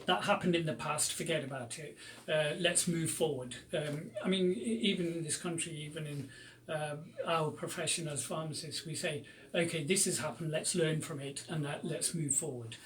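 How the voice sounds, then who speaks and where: A man's voice: a little high, moderate pace, fairly bright tone, distant mic, poor audio. A man appearing as a pharmacist guest on a radio talk show, speaking casually with many ums and uhs. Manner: frequent ums and uhs, agreeing with yeah.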